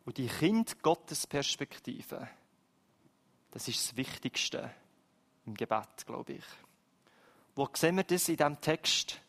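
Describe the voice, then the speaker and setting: A man with a Swiss German accent preaching a sermon in a lively, emphatic, conversational way. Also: mid-range voice, slow, gravelly, long pauses.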